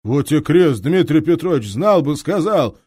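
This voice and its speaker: A man's voice: a little high, big pitch swings, unhurried, darkish tone, breathy edge, pitched above the performer's own voice, exaggerated voice. A man voicing a cowardly petty thief who whines and pleads in an audiobook. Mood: whining. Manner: whining, pleading. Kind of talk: audiobook character reading.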